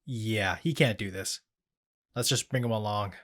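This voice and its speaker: A calm occult expert. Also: male voice, fairly low pitch, no room sound, studio quality. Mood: level. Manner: measured, explanatory. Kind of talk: audio drama acting with narration.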